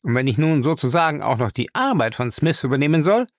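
A man's voice: fairly high pitch, very animated, fairly quick, gravelly, no echo, studio quality, pitched above the performer's own voice. A man voicing a brash, surly professional thief who talks back with cheeky mockery. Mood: insolent. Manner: cheeky, mocking, raised voice.

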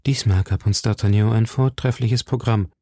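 A man's voice: lowish voice, moderate pace, warm tone, no echo, studio quality, lightly acted. A man reading an audiobook and voicing a grave, reserved older musketeer.

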